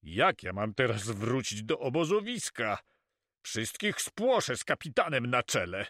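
A man voicing a loud, hot-tempered male pirate who blusters and swears by sharks in an audiobook. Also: medium pitch, big pitch swings, a little slow, no echo, studio quality, pitched above the performer's own voice. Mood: aggrieved. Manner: blustering, shouts sea-themed curses. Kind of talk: audiobook character voice.

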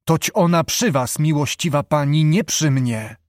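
A man voicing an old wounded knight, speaking gravely and slowly with a heavy, distraught manner. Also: on the high side, no echo, clean studio sound, natural voice. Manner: grave, heavy, slow-spoken.

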